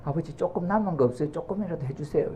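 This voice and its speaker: A man's voice: a little high, quick pace, mellow, voice pushed up, natural voice. A man voicing a wronged elder son who protests and begs his father. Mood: begging.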